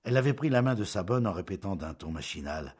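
A man narrating a classic novel as an audiobook in a measured, expressive storytelling manner. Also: low-pitched, breathy edge.

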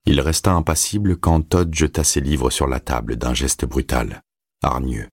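Un homme qui lit un roman en livre audio, d'un ton posé et régulier. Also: male voice, rumbling low, breathy edge, no echo, clean studio sound. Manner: steady, measured storytelling. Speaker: narrator. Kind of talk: audiobook reading.

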